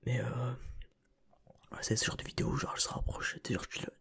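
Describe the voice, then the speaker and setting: A man's voice: medium pitch, completely flat delivery, fast, gravelly, fairly bright tone, husky. A man whispering right in your ear in a casual, rambling ASMR chat, speaking informally and directly to the listener on a close binaural mic. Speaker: ASMR video creator and host. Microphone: close binaural microphone.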